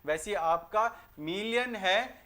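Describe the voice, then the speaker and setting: A man with an Indian accent teaching an exam-prep grammar lesson, explaining in Hindi and slowly reading out English sentences. He keeps asking rhetorical questions and answering them himself. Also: high-pitched, pushed and bright. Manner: asks and answers his own rhetorical questions.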